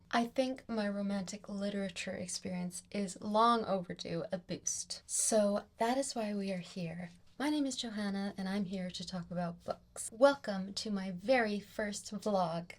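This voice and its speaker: A woman's voice: mid-range voice, a little slow. A young woman presenting a reading vlog to camera in an upbeat, playful, giggly way. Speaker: book vlogger. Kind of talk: scripted vlog talk to camera.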